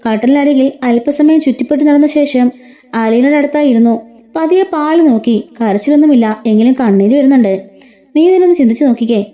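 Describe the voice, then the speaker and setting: A woman's voice: high-pitched, warm tone. A woman narrating a serial story, reading the dialogue without much change of voice. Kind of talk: read-aloud story narration. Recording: dull lo-fi sound.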